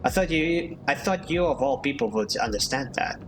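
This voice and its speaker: A man's voice: mid-range voice, expressive, normal speed, over music, natural voice. A man voicing a weary, loyal man who speaks bluntly and pleads for help, while reading a game aloud. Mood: troubled.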